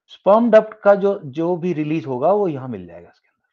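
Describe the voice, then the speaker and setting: In a classroom lecture captured with dull lo-fi audio, a middle-aged man speaking Indian-accented English walks students through science one step at a time. He mixes Hindi and English and frequently starts sentences over, his voice on the high side, brisk, and lively.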